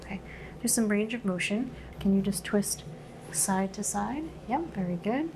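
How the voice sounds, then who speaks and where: A woman plays medical examiner in a soft ASMR style, with a noticeable fry in her voice. She guides calmly and gently, step by step, over clearly audible background noise. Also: medium pitch, moderate pace. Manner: calm, gently instructing, explaining each step. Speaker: medical examiner giving a physical exam.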